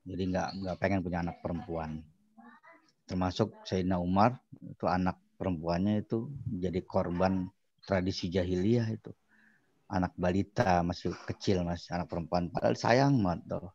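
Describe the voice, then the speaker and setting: A male religious teacher giving a lecture, telling a story with lively acted-out dialogue. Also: low voice, creaky, no echo, dull audio. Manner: animated storyteller acting out dialogue. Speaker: Islamic studies teacher.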